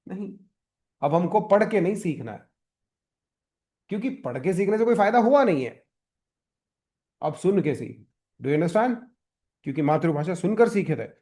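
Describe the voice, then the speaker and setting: A man's voice: sits high, lively intonation, moderate pace, long pauses, darkish tone. A man teaching a spoken English class, coaxing students with questions.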